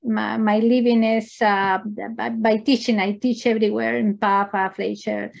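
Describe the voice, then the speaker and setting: A woman from Chile, speaking English as a with halting phrasing and many fillers during a virtual gallery talk. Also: medium pitch, flat delivery, gravelly, muffled recording. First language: Spanish. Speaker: artist.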